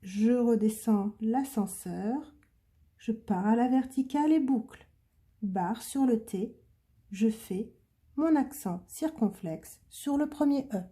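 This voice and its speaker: Slow, patient woman teaching handwriting. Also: a little high, dark tone. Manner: slow, patient, clearly articulated dictation. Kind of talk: handwriting lesson, step-by-step instruction.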